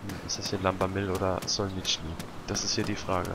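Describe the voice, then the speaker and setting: A man talking low-key while playing a game with friends, often mumbling and trailing off. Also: monotone, a little fast, background noise. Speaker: gamer. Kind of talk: casual gameplay chat.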